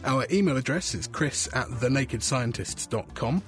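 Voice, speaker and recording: A British man presenting a scripted science show as host, with a bright, curious manner. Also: mid-range voice, lively intonation, moderate pace, soft background music.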